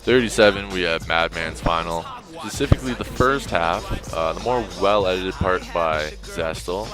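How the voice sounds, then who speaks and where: Low-voiced man in rambling casual commentary. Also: normal speed, over music. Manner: rambling, full of "like" and "you know". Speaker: video host ranking montages.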